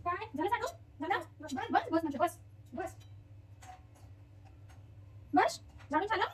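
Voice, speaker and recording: A woman's voice: very high voice, animated, slow, slight background noise. A mother chatting casually at home in her kitchen for a vlog, coaxing and playing with her toddler in a playful sing-song way.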